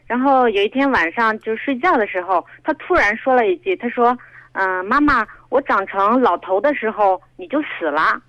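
A woman's voice: fairly high pitch, expressive, normal speed, a bit bright, dry recording, dull audio. A woman calling into a radio parenting show, hesitantly telling a story about her young son. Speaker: caller.

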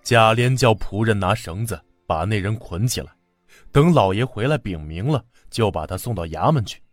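Expressive low-voiced male storyteller. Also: normal speed, no room sound, soft background music. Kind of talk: children's story narration.

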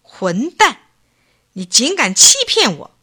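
A woman voicing a greedy, fickle male prince who takes bribes, shouting in a pompous, bossy way. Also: fairly high pitch, sing-song, slow pace, breathy edge, voice pushed up, exaggerated voice. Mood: furious.

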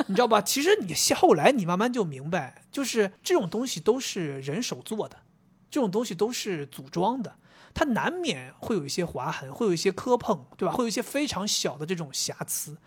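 Fast-talking husky man telling stories. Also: high voice. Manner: animated storyteller, acts out dialogue. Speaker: podcast co-host. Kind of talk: casual chat.

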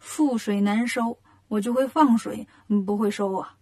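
A woman voicing a mild, easygoing old male river spirit in a children's storybook, speaking low and breathy. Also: steady tone, unhurried, a little mellow.

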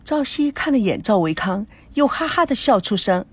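A woman narrating a romance novel as an audiobook in an expressive, sing-song way. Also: fairly high pitch, normal speed, husky, no room sound.

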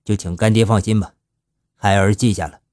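A respectful young thief, voiced by a male storyteller, answers his elder in a quick, deferential way. The voice is low and dry, recorded close. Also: fairly even intonation, a little mellow, no room sound, close to an everyday voice.

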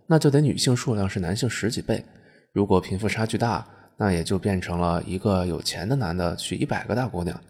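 A man's voice: fairly low pitch, darkish tone, breathy edge. A man narrating a crude, mocking comic story.

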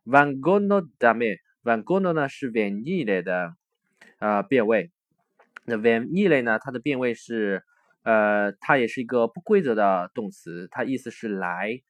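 A man talking through a recorded lesson at a middle pitch, working through each point step by step with many small hesitations. He slows down to repeat words and spell out their forms. The sound is close and dry, with no room around it. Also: expressive, no room sound. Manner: explains step by step with frequent hesitations. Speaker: language teacher.

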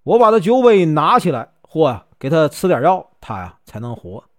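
A man's voice: on the high side, sing-song, moderate pace, no echo. Man doing proud hot-tempered Taoist priest, indignant, threatening, Northeastern Chinese accent, dry audio.

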